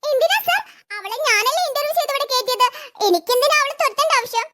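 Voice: lively intonation, fast, sharp tone, heavily acted. A performer voicing a jealous, scheming young office woman in a cartoon, sugary to her boss and plotting under her breath. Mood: pleading. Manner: sweet to the boss, low muttered asides.

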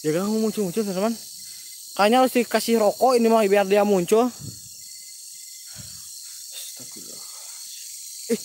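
A man live-streaming a ghost hunt outdoors at night on a handheld phone, switching between hushed murmured prayers and loud excited calls. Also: sits high, fast, a little hiss or hum. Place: outdoors at night in woods or garden.

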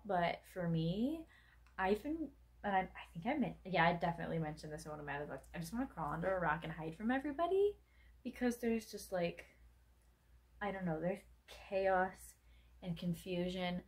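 Young woman, casual vlog chat, rambling, lots of fillers, self-mocking. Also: on the low side. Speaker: vlogger.

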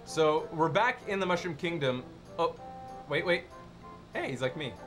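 A man's voice: on the high side, lively intonation, moderate pace. A young man hosting a casual video game session and commenting as he plays. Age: young adult. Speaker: host playing a video game. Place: indoor studio set, seated on a couch. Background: video game music.

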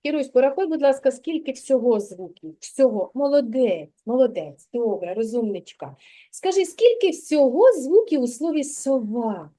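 A woman's voice: high-pitched, very animated, moderate pace, warm tone. A kindergarten teacher, a woman, guiding a young child through a literacy lesson, patiently coaxing and sounding out syllables in a classroom.

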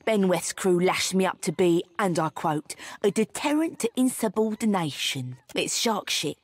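A woman's voice: lowish voice, animated, normal speed, husky, no echo. A woman voicing a defiant, sarcastic young pirate tied up as punishment in a video game.

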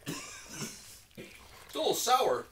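A man's voice: extremely high pitch, huge pitch swings, extremely slow, sharp tone. Man talking through a chewing mouthful. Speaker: food reviewer. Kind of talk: casual food-tasting chat. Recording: roomy, distant mic, faint noise.

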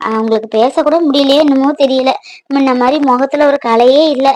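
A woman voicing a caring young village woman in a cartoon, confiding and reassuring in a gentle way. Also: high-pitched, fairly even intonation, a little fast, lightly acted, low-quality recording. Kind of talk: cartoon voice acting.

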